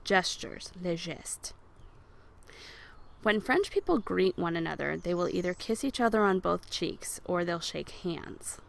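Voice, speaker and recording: Woman teacher, low and gravelly, patient, models words for repetition. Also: lively intonation, normal speed, hardly any pauses. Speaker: French teacher. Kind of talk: recorded language lesson over slides.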